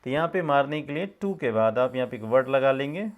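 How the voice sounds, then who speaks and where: A middle-aged man teaching English, reading sentences slowly and explaining them in Hindi. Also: mid-range voice, lively intonation, narrow, tinny audio. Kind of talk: casual spoken English lesson.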